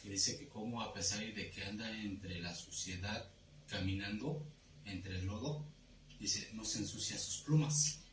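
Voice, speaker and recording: A man's voice: lowish voice, unhurried, a bit bright. A man taking part in a Bible study class, making thoughtful comments and often ending with tag questions. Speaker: class participant. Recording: distant mic in an echoey room with noise.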